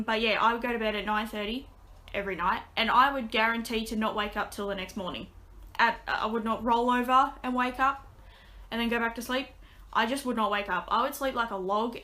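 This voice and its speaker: A young woman vlogs from a desk webcam in her small bedroom, giving a chatty, rambling update. She frequently says um and starts her sentences over, and her voice is a bit high, bright, and forward with a touch of rasp.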